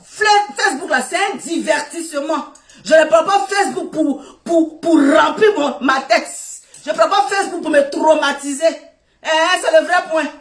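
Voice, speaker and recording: A middle-aged woman with a West African French accent, loud and laughing as she scolds her viewers on a Facebook live. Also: high voice, far from the mic. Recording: echoey room, off-mic.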